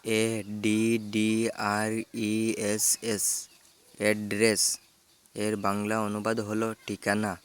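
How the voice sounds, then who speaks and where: A man teaching vocabulary, spelling out English words letter by letter and giving their Bengali meanings in a measured, even way. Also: lowish voice, clean tone.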